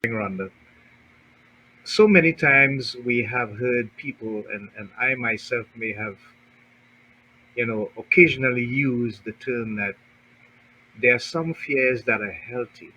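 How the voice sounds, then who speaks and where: Bright-voiced man host asking questions. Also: mid-range voice, slightly rough, rough recording. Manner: halting, repeats words while framing questions. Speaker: podcast host. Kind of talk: interview questions.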